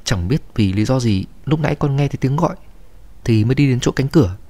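A man's voice: medium pitch, lively intonation, quick pace, warm tone, lightly acted. A man voicing a frightened young woman who pleads tearfully.

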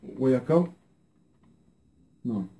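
A young Mexican gaming YouTuber with a Mexican accent narrates his own gameplay very slowly in a medium-pitched voice. He's excitable, swears freely, and mutters repeated words under his breath.

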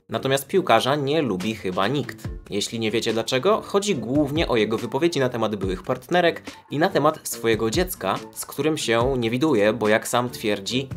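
Man, 20s, brisk scripted news read, close studio mic, light music bed. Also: medium pitch. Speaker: news commentator host. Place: indoor studio, dark backdrop.

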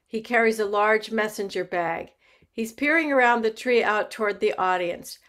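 A woman reading the stage directions aloud at a play reading in a measured way. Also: medium pitch, a bit bright.

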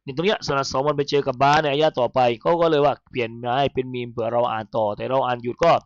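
A man teaching Quran recitation. He spells verses letter by letter in a chanted tone, then explains how each sound is made, slowly and politely. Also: medium pitch, dry recording, highs cut off.

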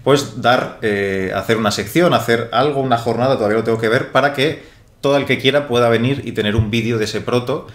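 A man's voice: mid-range voice, a little fast, reverberant. A young man hosting a board game live stream, chatting loosely with many restarts and self-corrections, speaking into a desk microphone on a small studio set. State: sweating heavily. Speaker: host of board game channel. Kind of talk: casual live-stream chat.

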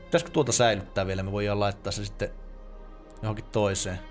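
A man from Finland giving casual let's play commentary, excitable and swearing, with yelps and laughs at the game. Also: on the low side, faint music behind.

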